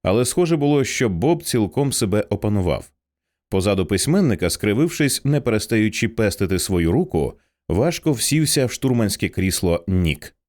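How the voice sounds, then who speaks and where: Low, expressive male audiobook narrator. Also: moderate pace. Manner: expressive, dramatic reading.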